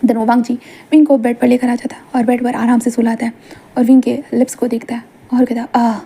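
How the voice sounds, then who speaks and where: Fast-talking woman storyteller. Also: a little high, level tone, warm tone, breathy edge. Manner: rapid mixing of Hindi and English. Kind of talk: fan-fiction story narration.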